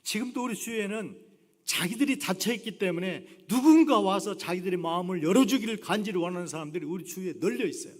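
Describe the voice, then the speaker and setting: Animated pastor preaching in a reverberant church. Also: male voice, sits high. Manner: animated storytelling, acting out quoted voices. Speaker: guest pastor. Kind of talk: sermon. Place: church sanctuary.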